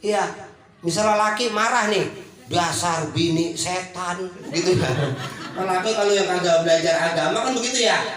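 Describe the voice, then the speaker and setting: A man's voice: sits high, brisk, a bit bright. A man with a Betawi accent giving a humorous sermon to a women's gathering, joking and acting out quoted voices. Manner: jokey, acts out quoted voices. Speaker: preacher. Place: monthly religious gathering hall. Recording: very echoey hall, distant mic.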